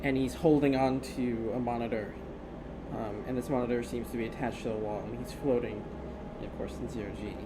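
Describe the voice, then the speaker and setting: A man narrating a tabletop game as game master, halting and pausing between short phrases. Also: medium pitch, fairly even intonation. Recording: clear background room noise.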